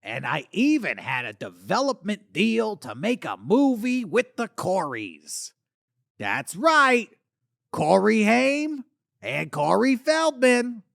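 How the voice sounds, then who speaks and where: A man's voice: sits high, huge pitch swings, slow, gravelly, fairly bright tone, no room sound, clean studio sound, full character voice. A man voicing a washed-up male alien star from the eighties who rambles and slurs, swinging between boasting and muttering, in a comedic monologue. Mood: boastful. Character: washed-up male 80s alien puppet star, boozy and bitter. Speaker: talk show host character.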